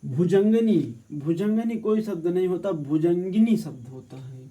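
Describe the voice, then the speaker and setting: A man teaching correct spelling for exam preparation, slowly spelling each word out. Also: high-pitched, animated, dark tone. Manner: slow, drawn-out word by word correction. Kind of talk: spelling lesson for exam prep.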